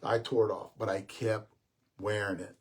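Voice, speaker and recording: A man's voice: lowish voice, level tone, normal speed, slightly rough. An older man hosting a casual live stream, telling a long rambling story with restarts and talking to his viewers as guys. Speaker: host.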